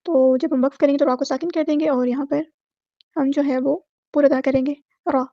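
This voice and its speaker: A woman gives a patient, step-by-step tajweed lesson, slowly drawing out each recited word before explaining the rule. Her voice sits high and stays level without much rise and fall. The recording is dry and a little dull. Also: fairly even intonation, no echo. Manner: patient, repetitive step-by-step instruction. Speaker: Quran recitation teacher.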